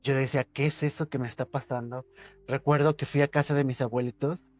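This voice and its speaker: Man, podcast guest, suspenseful ghost-story teller who repeats and hushes. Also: little pitch movement, fairly quick. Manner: suspenseful storytelling, repeats words for effect, drops his voice low. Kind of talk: telling a personal ghost story.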